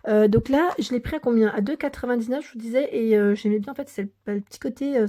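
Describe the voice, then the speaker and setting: A woman's voice: fairly high pitch, warm tone. A young woman with a daughter chatting casually through a shopping haul, hesitant and full of fillers. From France.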